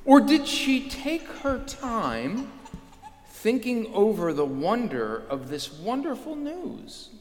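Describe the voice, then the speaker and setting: Slow, expressive man reading scripture. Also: sits high. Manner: slow, expressive retelling of lines. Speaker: co-reader. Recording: echoey hall with long reverb.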